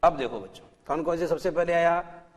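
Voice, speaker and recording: Hindi-speaking male teacher, slow dictation. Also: a little high. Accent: Indian English. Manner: slow dictation, repeating words for children to write. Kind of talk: televised classroom lecture. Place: classroom studio. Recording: long reverb from a hall.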